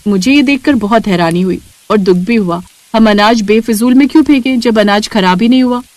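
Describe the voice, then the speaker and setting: A woman voicing a gentle but firm young bride in a cartoon, speaking earnestly. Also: a little high, brisk, no echo, lightly acted.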